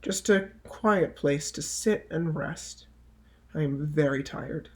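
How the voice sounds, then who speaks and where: A man's voice: on the high side, slow. Storybook boy growing older, read by a man: needy, plain, self-absorbed delivery. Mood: weary. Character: needy, weary boy who grows old. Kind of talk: picture-book read-aloud character.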